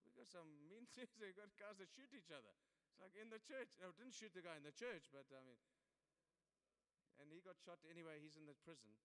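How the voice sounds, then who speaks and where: Older south african preacher guy, high bright voice, big reverb hall, rambling stories. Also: fairly quick. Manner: chatty, storytelling preacher with laughs and repetitions. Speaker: pastor. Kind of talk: sermon.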